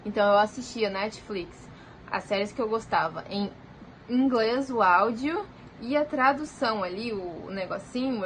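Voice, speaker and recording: A woman's voice: a little high, slight background noise, low-quality recording. Chatty Brazilian Portuguese woman. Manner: chatty, animated, acts out quoted dialogue. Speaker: vlogger. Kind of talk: casual storytelling vlog.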